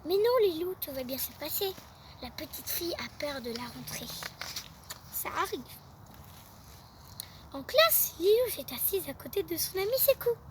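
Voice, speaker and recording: High, lively young woman reading a story. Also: normal speed, long pauses, distant mic, noisy background. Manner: lively read-aloud, voices the children's cries. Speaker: storyteller reading a children's book.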